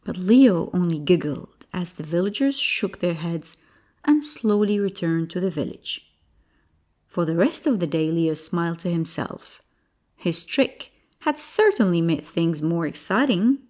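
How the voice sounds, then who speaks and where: Slow, expressive woman storyteller. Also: on the low side. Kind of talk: children's bedtime story narration.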